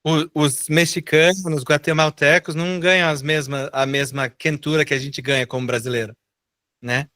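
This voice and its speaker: A middle-aged man from Brazil teaches a live online English class, his voice bright and somewhat high. He explains patiently and has students repeat words back to him. The sound is dry and close. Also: fairly even intonation, normal speed, no echo.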